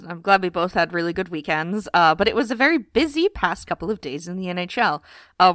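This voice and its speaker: Sounding stuffy and congested, this podcast co-host has a lowish, sharp voice as she chats casually about hockey, full of fillers. The recording is dry and studio quality.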